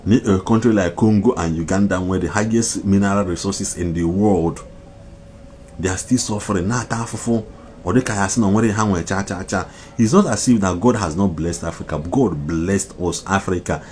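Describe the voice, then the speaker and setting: Deep guy doing an impassioned rant, flips between n english, repeats himself for emphasis, bit of background noise. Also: a little fast, a little mellow. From Nigeria. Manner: mixes Igbo and English, repetitive, emphatic. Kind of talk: impassioned social media commentary.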